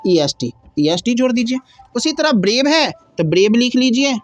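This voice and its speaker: A woman's voice: fairly high pitch, big pitch swings, moderate pace, no room sound. A woman teaching a grammar lesson, explaining step by step and asking and answering her own questions.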